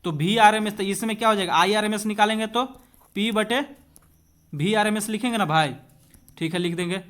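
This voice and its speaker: A physics teacher with a high, slightly bright voice works step by step through exam-prep questions at a moderate pace. He chats with students, poses rhetorical questions, and moves between Hindi and English, slipping English technical terms into his explanations.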